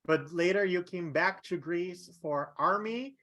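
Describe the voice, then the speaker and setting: A man's voice: sits high, sharp tone. A man moderating a Q&A over a video call, gracious and hesitant in his speech. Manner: gracious, hesitant with many pauses. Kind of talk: hosting an online Q&A.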